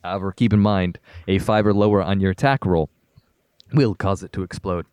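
A man running a tabletop game as game master, narrating scenes and rules in a lively way. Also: sits low, fairly quick, clean tone, no echo, studio quality.

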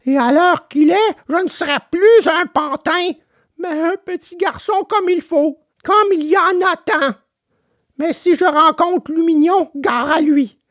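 Woman voicing a puppet boy, sobbing, pleading, very high, dry close sound. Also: a little slow, no room sound. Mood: remorseful. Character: wooden puppet boy, remorseful and tearful. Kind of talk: storybook drama.

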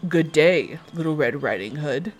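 A woman voicing a sly, hungry male wolf who talks low, slow and coaxing. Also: lively intonation.

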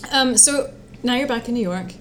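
A woman with a Scottish accent hosting an interview, asking questions in a relaxed, easygoing way with fillers. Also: a little high, normal speed, slight background noise. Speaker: interview host. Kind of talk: casual interview.

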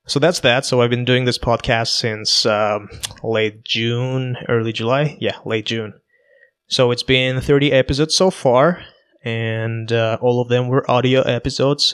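Hosting a casual podcast alone on his laptop, this Kazakh man in his twenties speaks with a Russian accent. His voice is mid-range with a fairly bright tone, and he sounds hesitant and self-conscious, restarting often.

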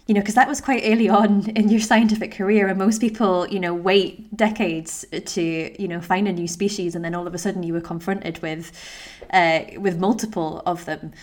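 A woman's voice: medium pitch, darkish tone. A woman hosting a podcast, chatty and enthusiastic. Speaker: podcast host. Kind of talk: casual interview chat.

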